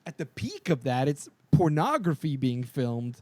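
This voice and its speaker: Male podcast co-host, slightly raised pitch, dry mic, excitable and profane. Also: a little slow, no room sound. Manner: excited, swears a lot, laughs often. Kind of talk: casual movie discussion.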